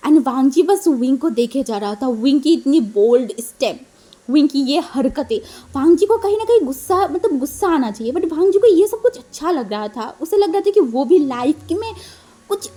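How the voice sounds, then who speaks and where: A woman's voice: sits high, lively intonation, moderate pace, mellow. A woman casually retelling a fan story in a chatty way, dropping in English words and giggling now and then. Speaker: fanfiction storyteller.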